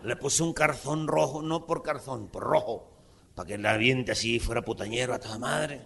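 Un humorista mexicano que cuenta un chiste largo en un espectáculo en vivo, con muchas groserías y energía. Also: male voice, medium pitch, normal speed, creaky, a little hiss or hum. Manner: profane, rowdy, animated. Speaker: stand-up comedian. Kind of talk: crude live stand-up storytelling.

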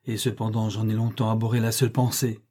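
A man reading the lines of a brooding, bitter middle-aged gentleman in a slow, declamatory way. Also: lowish voice, level tone, slightly rough.

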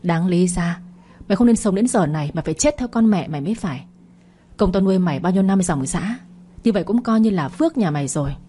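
A woman voicing a scheming, cruel middle-aged stepmother in a spoken story. Her voice is low, dark and a little husky, and her words come out quick and cutting. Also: lively intonation. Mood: cold spite. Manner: quietly spiteful, cutting.

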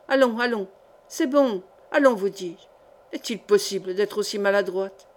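A woman voicing a rough, irritable old landlady who scolds in a coarse, bossy way in a storybook reading. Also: medium pitch, a little slow, natural voice. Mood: angry scolding.

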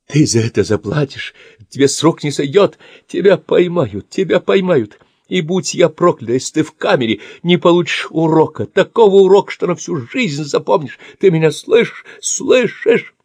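A man's voice: animated, moderate pace, darkish tone, slightly rough, no echo. A man voicing a bound, abusive old man in his seventies who shrieks and curses. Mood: threatening. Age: 70s. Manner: shrill, shrieking, cursing.

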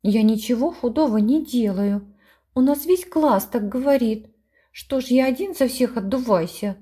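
A woman voicing a cheeky, stubborn schoolboy who pesters with high, wheedling nonsense questions. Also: normal speed, warm tone, breathy edge. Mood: tearful.

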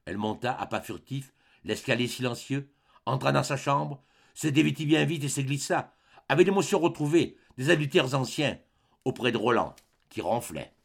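Gravelly, expressive male audiobook narrator. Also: medium pitch, normal speed. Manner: expressive, dramatic reading. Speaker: audiobook reader.

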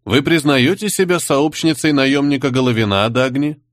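A man's voice: medium pitch, normal speed, no echo, studio quality, close to an everyday voice. A man reading the part of a male commissar who asks questions formally during an interrogation. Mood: formal questioning.

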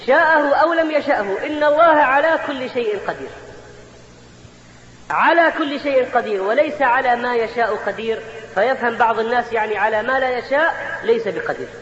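A man's voice: very high-pitched, fairly bright tone. A male preacher giving a Friday sermon, speaking straight to the congregation and drawing out words for emphasis. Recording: echoey hall, muffled lo-fi sound.

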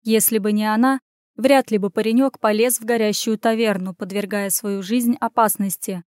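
A woman reading a fantasy audiobook aloud in a steady, expressive narration. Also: medium pitch, normal speed, no echo, clean studio sound. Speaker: audiobook reader. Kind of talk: scripted narration.

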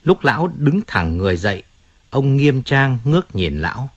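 Husky man narrating an audiobook. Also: medium pitch, very animated, moderate pace, dull audio. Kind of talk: scripted narration. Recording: faint music in background.

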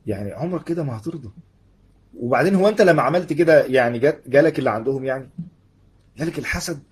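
Rapid husky Egyptian man lecturing. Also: mid-range voice. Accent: Egyptian Arabic. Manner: conversational, animated, acts out little dialogues. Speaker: Islamic lecturer. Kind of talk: religious lecture in colloquial speech.

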